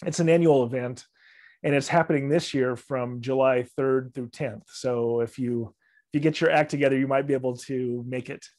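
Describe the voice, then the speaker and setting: A middle-aged man with a steady, mid-range voice, a touch mellow and at a moderate pace, hosts a travel talk with slides for a library travel club. He's captured dry on a video call webcam. His manner is friendly and loose, with fillers and restarts.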